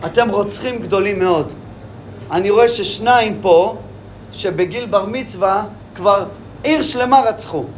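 A mocking ruler of Egypt who needles and teases with every line, as a teacher acts him out. He speaks in a raised, high register and keeps firing questions. It sounds like a lesson-room retelling, with a faint hiss behind it. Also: lightly acted. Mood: taunting. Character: mocking, all-knowing male ruler of Egypt.

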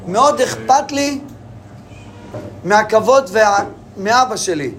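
A man's voice: high-pitched, animated, fairly bright tone, a little hiss or hum. A man voicing Judah, a proud, indignant brother who pleads earnestly and insistently.

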